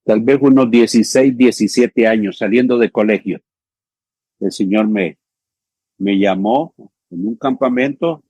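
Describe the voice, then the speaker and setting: A man's voice: lowish voice, a little slow, warm tone, slightly rough, no echo. A man in his fifties from El Salvador, a pastor talking earnestly in an interview and often checking in with little fillers. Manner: earnest, with frequent fillers like "¿sí?" and "ujú". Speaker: pastor and theological education coordinator. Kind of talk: conversational interview.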